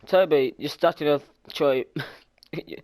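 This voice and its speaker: A man's voice: fairly high pitch, slow, darkish tone, slight background noise. A man running a tabletop game with friends, laughing often and joking around. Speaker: game master.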